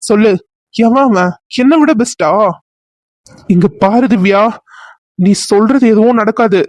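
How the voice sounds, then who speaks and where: A man's voice: very high-pitched, darkish tone, dry recording. A man voicing a possessive, jealous young man who is pushy and threatening in a cartoon serial. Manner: pushy, threatening, then pleading.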